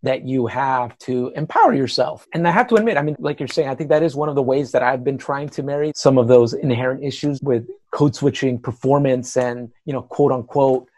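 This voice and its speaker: A man's voice: mid-range voice, fairly quick, few pauses, a little mellow. A man who teaches writing, chatting on a podcast, self-deprecating and rambling with many "you know"s. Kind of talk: podcast conversation.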